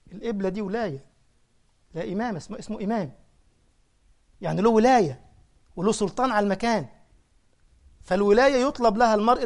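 A high-pitched man with an Egyptian accent delivers a sermon as a sheikh. He tells his stories with animation and keeps turning to the congregation with questions. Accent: Egyptian Arabic. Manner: animated storytelling with questions to the listeners. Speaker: sheikh preacher.

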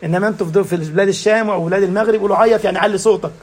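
Speaking very fast in a steady, high-sitting voice, a preacher with an Egyptian Arabic accent delivers a sermon. He keeps putting rhetorical questions to the congregation and answering them himself.

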